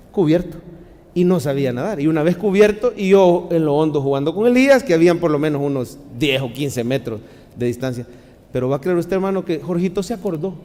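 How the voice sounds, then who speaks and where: A man preaches a sermon in a high voice. He moves between hushed and forceful passages. A long reverb from the large hall trails behind his words. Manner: impassioned, swinging between hushed and loud. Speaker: pastor.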